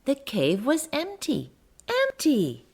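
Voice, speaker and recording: A woman's voice: sits high, slow, pitched above the performer's own voice, full character voice. A woman reading as a curious little garden mole. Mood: earnest wonder. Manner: expressive, sing-song storytelling. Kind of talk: children's storybook reading.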